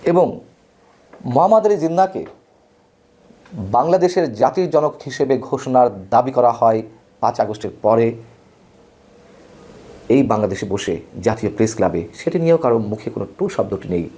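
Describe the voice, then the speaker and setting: A man of ordinary pitch delivering political commentary in an emphatic, rhetorical way. He leans hard on key words with sudden upward jumps in pitch, and the delivery is spoken rather than read, with the odd slip. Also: lively intonation, normal speed, long pauses, mellow.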